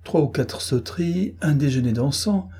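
A man reading a storybook, voicing a vain, languid young rich woman in an affected, weary, condescending manner with a husky voice. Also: fairly high pitch, animated, moderate pace, dark tone, voice pushed up.

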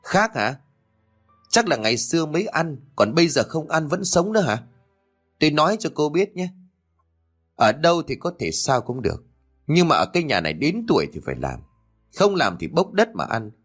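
A man voicing a harsh, nagging old grandmother who scolds rapidly, in an audio story. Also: medium pitch, big pitch swings, slightly rough, soft background music, voice pushed up. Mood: indignant.

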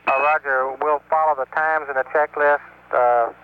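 A man's voice: a little high, fairly even intonation, moderate pace. Man, mission control radio talk, clipped and matter-of-fact, space radio with beeps, muffled lo-fi sound, static hiss. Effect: space-to-ground radio transmission with beeps. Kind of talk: terse radio procedure talk.

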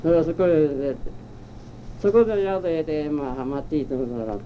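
An elderly man from Japan telling his life story as an oral history interviewee, in a rambling, halting way with old-fashioned rustic speech. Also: a little high. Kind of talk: reminiscing in a personal narrative. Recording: muffled, dull old tape with faint hiss. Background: faint background noise.

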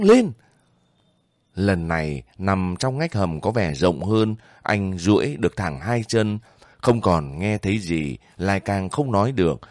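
Male audiobook narrator, lower voice, measured pace, dry recording. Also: no echo. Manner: steady, measured storytelling. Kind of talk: scripted narration of a war novel.

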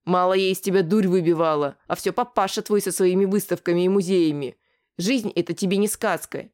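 The reader voicing a loud, furious middle-aged mother who shrieks coarse abuse in an audiobook. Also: normal speed, lightly acted. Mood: screaming abuse. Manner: shrill shouting.

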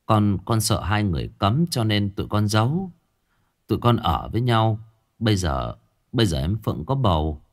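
A timid young man confesses to his parents in a soft, hesitant voice, stumbling over his words, as a male storyteller plays him. His voice sits low and quiet. It sounds like an audio storybook. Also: lightly acted.

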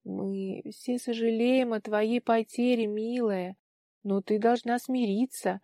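A woman voicing a gentle aunt who speaks slowly and softly in an audiobook. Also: on the high side, steady tone, no room sound, clean studio sound. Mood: tender. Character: slight older aunt, tender and soothing.

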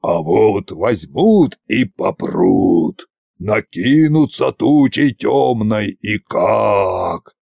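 A man voicing an eccentric, gloomy old tsar in an audiobook, speaking in a slow, musing way. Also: on the low side, expressive, vocal fry, darkish tone, slightly rough, no echo, clean studio sound, heavily acted.

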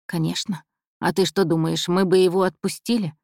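A brisk young man fussing over a friend in a thriller audiobook, read by a woman narrator. The delivery is quick and bustling, set low in pitch, and the sound is dry and close. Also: flat delivery, vocal fry, a little mellow, no echo. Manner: fussy, brisk.

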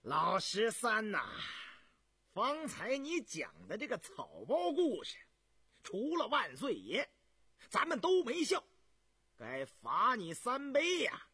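Man doing a loud, brash young prince. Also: very high voice, wildly swooping pitch, slow, breathy edge, dry recording, pitched above the performer's own voice, exaggerated voice. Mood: mocking. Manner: loud, sneering, boisterous.

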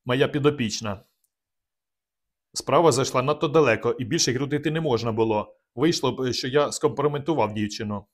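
A man narrating a novel in the first person, reading in a steady, measured way. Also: mid-range voice. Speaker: audiobook narrator.

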